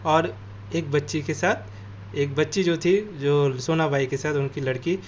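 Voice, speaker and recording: Guy teacher reading a lesson out then explaining it bit by bit, kinda high voice, dull lo-fi recording w/ faint hiss. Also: fairly even intonation, unhurried. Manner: reads a passage then explains it line by line, glossing words. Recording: dull lo-fi audio with faint noise.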